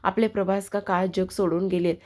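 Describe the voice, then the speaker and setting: A woman's voice: mid-range voice, steady tone, moderate pace, dark tone, lightly acted. A woman voicing a grieving young married woman who pleads and repeats herself as she tells the family urgent news. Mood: pleading.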